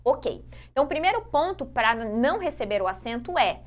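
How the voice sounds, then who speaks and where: A Brazilian woman teaching a Portuguese grammar lesson for exam prep, explaining patiently, repeating key points and drawing out example words slowly. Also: sits high, very animated, dull audio. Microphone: phone.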